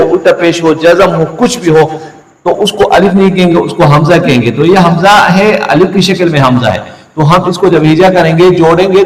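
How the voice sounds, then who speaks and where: A man teaching Quran reading rules at a board, explaining patiently step by step and slowly chanting each word. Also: high voice. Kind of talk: tajweed lesson at a board. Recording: echoey room, mic at a distance.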